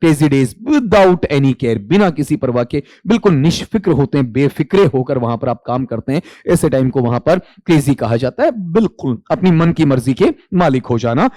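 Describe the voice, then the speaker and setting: A man's voice: mid-range voice, lively intonation, a little fast, few pauses, warm tone, no room sound. A male English teacher with a Hindi accent, explaining an exam question and quizzing students, answering his own questions and calling them "beta". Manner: calls students 'beta'. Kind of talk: exam-prep lecture.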